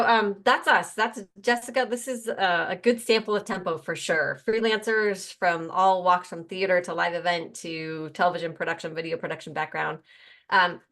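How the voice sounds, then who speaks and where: A woman hosting a casual group video call, chatty and quick to introduce and connect people. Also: medium pitch, a bit bright. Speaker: host.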